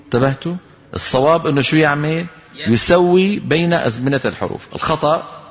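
A man's voice: on the high side, brisk. A man teaching a tajweed lesson, explaining rules, quizzing his class and chanting short examples. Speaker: Quran recitation teacher. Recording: long hall reverb.

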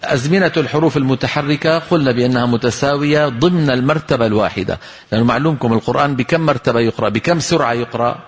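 A man's voice: medium pitch, rapid-fire. A man teaches Quran recitation, explaining rules and quizzing his listeners. He breaks into short chanted examples now and then. His voice carries a long reverb, as if in a big hall. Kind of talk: tajweed lesson with recited examples.

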